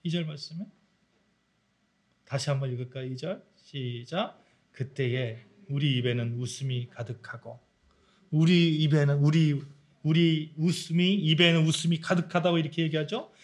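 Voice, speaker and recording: A man preaching a sermon as pastor, swinging between loud raised phrases and quiet low ones, calling the congregation to read along. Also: steady tone, moderate pace. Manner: dramatic swings in pitch and volume, leads congregation in reading. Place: church sanctuary.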